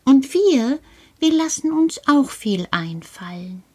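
A woman voicing a cheerful little male creature living in an earth cave, speaking slowly and patiently and often dropping to a whisper. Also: sits high, big pitch swings, dark tone, breathy edge, heavily acted. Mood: patient coaching.

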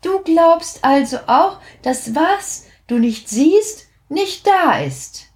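A woman voicing a small, cheerful girl witch who is proud and eager, speaking high and bubbly in a children's storybook. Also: lively intonation, takes it slowly, a little mellow, full character voice. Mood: indignant.

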